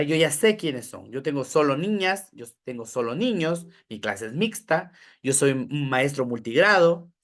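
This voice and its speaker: A man giving an online training lecture to teachers. He explains step by step, lists examples and keeps checking in with "¿verdad?". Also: a little high. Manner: addresses listeners directly, asks how they are following. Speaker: teacher trainer in educational psychology.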